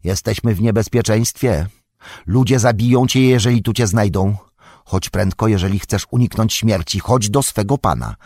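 A man's voice: on the low side, moderate pace, a little mellow, no echo, clean studio sound, voice pushed up. A man reading an audiobook, voicing an earnest young male hobbit who speaks firmly and urgently. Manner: pressing, calling out urgently. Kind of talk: audiobook character voice.

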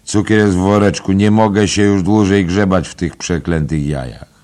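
A man voicing a jovial, mocking young man who talks loudly and theatrically, in an audiobook. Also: low voice, normal speed, voice pushed up, lightly acted. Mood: boisterous. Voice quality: exaggerated, playful. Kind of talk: audiobook character reading.

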